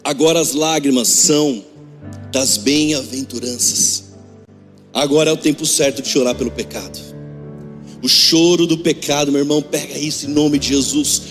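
A man preaching a sermon as pastor, impassioned, swinging between hushed passages and raised, half-sung pleas. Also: on the high side, fairly even intonation, moderate pace. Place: church hall. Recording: long church reverb with soft music.

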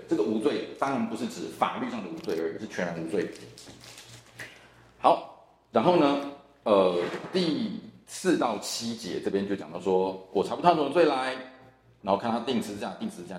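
A man's voice: lowish voice, animated, brisk, slight background noise. A man with a Taiwanese Mandarin accent, a church deacon teaching a Bible study class, who acts out the dialogue from the passage. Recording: echoey room.

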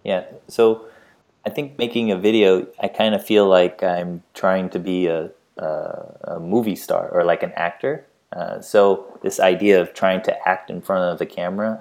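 A man's voice: low-pitched, little pitch movement, moderate pace, a little mellow. A man co-hosting a podcast in casual chat, thoughtful and hesitant with fillers. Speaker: podcast co-host.

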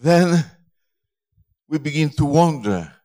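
A man, a pastor, preaching a sermon in short phrases and pausing for an interpreter. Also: on the high side, lively intonation, dark tone. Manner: slow, halting delivery in short phrases.

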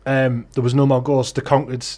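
A man's voice: medium pitch, flat delivery, fairly quick, darkish tone. A man from Middlesbrough with a Teesside accent, co-hosting a casual podcast in a blunt, jokey, mildly sweary way. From Middlesbrough, northeast England. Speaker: podcast co-host.

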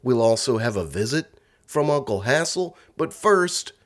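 A man's voice: medium pitch, very animated, unhurried. A man hosting and announcing a scripted comedy show in a radio style.

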